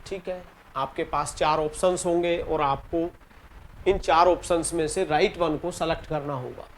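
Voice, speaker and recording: A man with an Indian English accent teaching an exam-prep grammar lesson in Hindi. He reads the English example sentences slowly and deliberately and often repeats key words. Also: fairly high pitch, fairly even intonation, a little hiss or hum. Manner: repeats key words and ends points with "theek hai".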